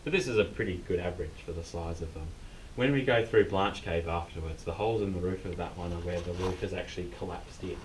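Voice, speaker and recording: An Australian man working as a cave tour guide, explaining things casually and off the cuff to visitors inside a limestone cave. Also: quick pace. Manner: informal, unscripted explaining. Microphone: distant camera mic. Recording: distant mic, noisy rumbling cave tour.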